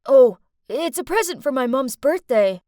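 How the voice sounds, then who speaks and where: A woman's voice: high voice, animated, moderate pace, mellow, no room sound, studio quality. Woman doing a stammering, dorky teen boy. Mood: eager. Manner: stammering, eager. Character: nervous, dorky teenage schoolboy.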